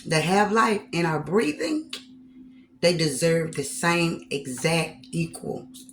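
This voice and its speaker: A woman's voice: fairly low pitch, lively intonation, takes it slowly, a little hiss or hum. A woman vlogger chatting casually while she eats on camera, repeating phrases and slipping in preachy, folksy asides.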